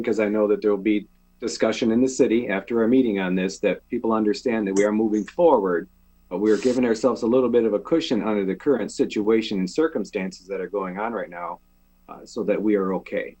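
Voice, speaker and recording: Low-voiced councilman talking informally. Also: fairly quick, darkish tone. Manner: informal, conversational. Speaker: city councilmember. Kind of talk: public meeting remarks.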